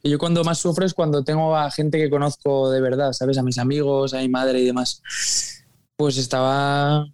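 A man's voice: medium pitch, moderate pace, clean tone, dry recording, clean studio sound. Easygoing man talking about his music. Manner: relaxed, easygoing, colloquial. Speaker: singer guest. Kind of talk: casual interview chat.

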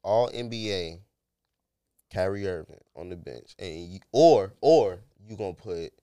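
A man's voice: low-pitched, expressive, a little slow, warm tone, smooth, no echo, clean studio sound. A man co-hosting a podcast, debating sports casually in profane, argumentative slang. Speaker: podcast co-host.

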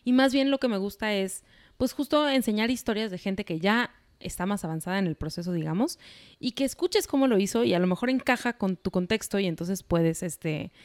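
A woman's voice: mid-range voice, a little fast, a little mellow. Chatty Mexican woman hosting a podcast. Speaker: podcast host. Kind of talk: podcast interview. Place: studio.

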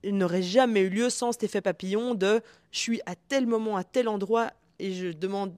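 A woman's voice: medium pitch, moderate pace, no room sound. Chatty young woman telling stories. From Belgium. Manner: lively, many restarts, animated quotes. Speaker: guest, founder of a student dating group. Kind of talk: casual storytelling.

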